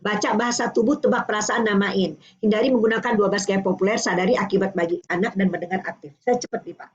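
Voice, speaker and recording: An older woman from Indonesia giving a lively parenting talk, acting out dialogues between a parent and a child. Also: medium pitch, fast, dull audio. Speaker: parenting speaker.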